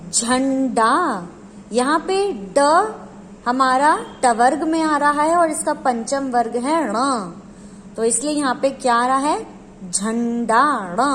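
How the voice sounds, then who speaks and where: A woman teaching a Hindi lesson, explaining slowly and asking the listener questions before she answers them herself. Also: sits high, big-room sound, slight background noise, low-quality recording.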